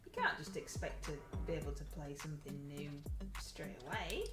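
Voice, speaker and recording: A woman's voice: low voice, moderate pace. A woman co-hosting a live stream in casual chat, teasing and chatty. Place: home streaming room. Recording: roomy, distant from the mic, music behind.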